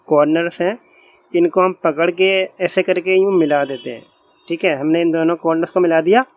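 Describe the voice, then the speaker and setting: A man with a slightly raised pitch teaches a grammar class. He repeats each point patiently, taking his time as he writes on a board. The recording sounds dull and lo-fi. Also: dry recording. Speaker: Arabic teacher.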